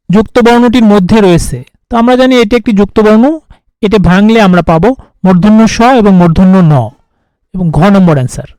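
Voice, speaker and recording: A man's voice: sits high, a little mellow, no room sound, poor audio. A man working through exam grammar questions. He reads out each answer option one by one and explains it step by step. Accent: Bangladeshi Bengali. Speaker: teacher solving exam questions. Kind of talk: recorded lesson, reading questions and explaining answers.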